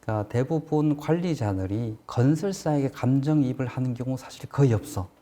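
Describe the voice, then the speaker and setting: A man's voice: medium pitch, brisk, mellow. A man giving a casual explanatory lecture on construction management, plain-spoken and asking rhetorical questions as he teaches.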